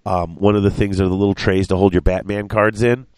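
Podcast co-host: male, lower register, wheezy and stuffed up with a chest cold, loose conversational rambling. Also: flat delivery, a little fast, darkish tone, smooth, no echo. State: congested, short of breath with a chest cold. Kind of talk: casual rambling chat.

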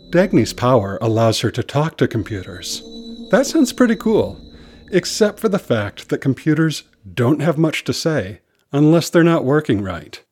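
A man narrating a scripted children's story in an animated, expressive reading voice. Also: mid-range voice, slight background noise.

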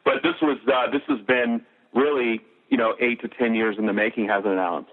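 A man's voice: medium pitch, steady tone, brisk. A man who runs marketing, chatting in a jokey, upbeat way as he promotes new golf drivers. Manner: jokey, upbeat, laughs often. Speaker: marketing executive. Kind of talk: promotional interview chat. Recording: tinny phone-like audio.

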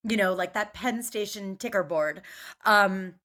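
A woman's voice: medium pitch, a little slow, sharp tone. A woman in her forties from Philadelphia, a podcast guest chatting casually with lots of fillers and restarts. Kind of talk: casual conversation.

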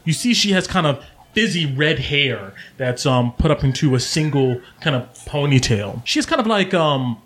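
A man's voice: mid-range voice, fairly bright tone. A man narrating as game master, describing scenes in a laid-back way with many fillers.

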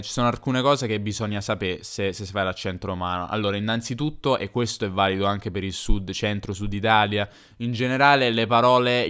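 A man from Turin with a Piedmontese accent, hosting an improvised podcast for language learners, explaining slowly and correcting himself. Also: on the low side, a bit bright, smooth. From Turin, Italy. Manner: unscripted, explains slowly, self-correcting and self-deprecating. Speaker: podcast host.

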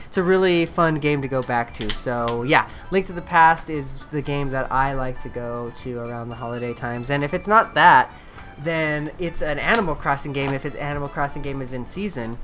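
A woman's voice: extremely low pitch, normal speed, a bit bright, faint music behind. A woman hosting a podcast, chatting casually and rambling with many fillers. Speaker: podcast host.

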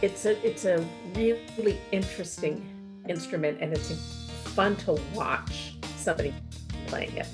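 A woman's voice: lowish voice, unhurried, music in the background. A woman co-hosting an interview and introducing the guest. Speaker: co-host. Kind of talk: casual interview chat.

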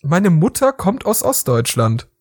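A man's voice: high voice, sing-song, measured pace, a little mellow, husky, no echo, studio quality. A young man co-hosting a casual podcast, teasing and interrupting playfully. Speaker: podcast co-host.

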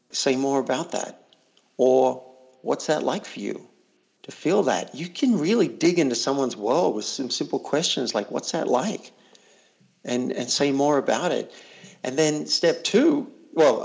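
A man speaks in an earnest, reflective way as a coach in a casual interview. His mid-range voice has a gravelly edge. He often doubles back on words while he thinks aloud. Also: medium pitch.

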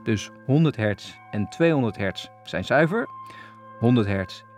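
Lively male podcast narrator. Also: mid-range voice, measured pace, faint music behind. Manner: clear, explanatory delivery. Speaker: podcast presenter. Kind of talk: scripted narration.

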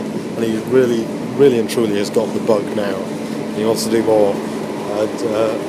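Male vlogger, casual and musing, mid-range voice, recorded against loud train and city noise. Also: medium pitch. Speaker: amateur stand-up comedian vlogging. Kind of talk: casual video diary. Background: loud vehicle and urban noise.

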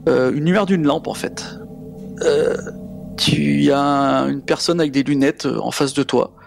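A man improvising tabletop game narration as game master, in a hesitant, halting way, with music behind him. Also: fairly high pitch, creaky.

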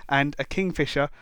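A man's voice: fairly high pitch, fairly bright tone, clean tone, no room sound. A man hosting a wildlife podcast in casual chat, jokey and self-deprecating, reading out listener messages. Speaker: podcast host.

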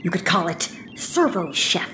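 A woman playing a brash, quick-thinking schemer who bosses her partner around in an audio drama. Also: on the low side, a little hiss or hum. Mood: excitable. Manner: brash, bossy, with bursts of nervous excitement.

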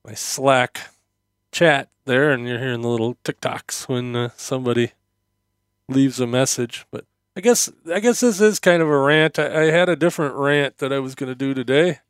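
A man's voice: mid-range voice, normal speed, clear, resonant tone, dry recording. A man hosting a casual solo podcast in a hesitant, meandering, conversational way, his mouth slightly numb from dental work, close on the microphone. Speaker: podcast host.

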